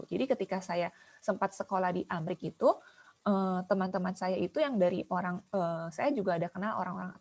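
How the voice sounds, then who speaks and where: A woman's voice: fairly low pitch, a little mellow. A young adult woman presenting at a seminar in a casual academic talk, chatty, with many filler tags at the end of her phrases.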